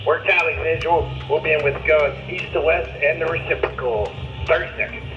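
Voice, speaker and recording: A man speaking as a military pilot in clipped radio calls, relayed over loudspeakers. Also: fairly high pitch, fairly even intonation, moderate pace, lo-fi sound. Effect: aircraft radio relayed over loudspeakers. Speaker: military pilot in an airshow demonstration. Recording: echoey radio relay with music behind.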